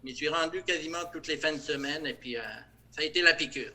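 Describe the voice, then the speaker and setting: A middle-aged man from France with a French accent softened toward Québécois, answering interview questions in a hesitant way, with many fillers and restarts. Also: a little high, quick pace. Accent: light French accent, partly Québécois. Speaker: interview guest, production director. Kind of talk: casual interview.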